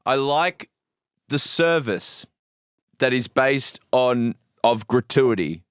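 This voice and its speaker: A man's voice: mid-range voice, expressive, takes it slowly, clear, resonant tone, dry recording, studio quality. A man, co-hosting a comedy podcast in an easygoing, playful way. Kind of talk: casual comedic chat.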